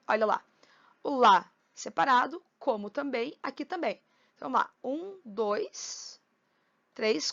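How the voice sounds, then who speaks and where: A woman's voice: high-pitched, highs cut off. A woman teacher giving a recorded lesson on poetry, explaining step by step and counting syllables aloud.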